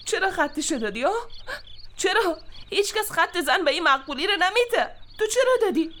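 A woman's voice: extremely high pitch, lively intonation, fairly bright tone, a little hiss or hum. A woman with an Afghan Dari accent playing a jealous young wife who pleads and accuses her husband in a drama. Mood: tearful.

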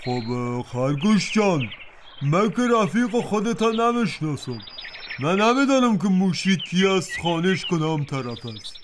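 A man's voice: high-pitched, big pitch swings, slight background noise. Man playing a kindly drowsy elephant. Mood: reassuring. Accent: Afghan Dari. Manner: gruff at first, then patient and reassuring. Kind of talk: children's cartoon voice acting.

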